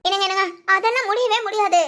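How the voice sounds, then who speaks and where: A woman's voice: very high voice, fairly even intonation, fast talker, pushed and bright. A woman voicing a feisty, argumentative young village wife in a cartoon. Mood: playful. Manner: argumentative, giggly, stammering. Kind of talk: cartoon voice acting.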